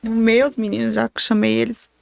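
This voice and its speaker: Gravelly, higher-voiced Brazilian woman host. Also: monotone, moderate pace, a little mellow, no echo. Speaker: podcast host, mother and cancer survivor. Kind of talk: conversational interview.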